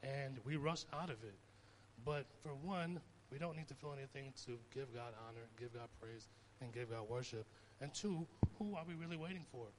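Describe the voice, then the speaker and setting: Young guy preaching, chatty storytelling sermon, normal pitch, bit of hiss in the background. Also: normal speed. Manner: conversational, animated storytelling with rising emphasis. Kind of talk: informal sermon.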